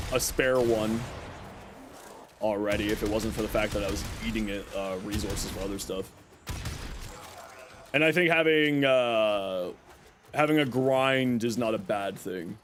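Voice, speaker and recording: A man giving casual live game commentary and answering chat in a tired, low-energy, flat voice that sounds worn out. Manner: low-energy, sleepy, flat burned-out delivery. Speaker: game livestreamer. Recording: clear background noise from game audio. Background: video game sounds.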